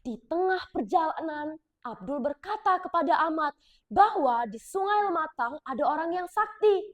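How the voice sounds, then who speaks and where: Telling a folk tale at a measured pace, this South Sumatran storyteller uses a high, clear voice full of expression. She is from Indonesia.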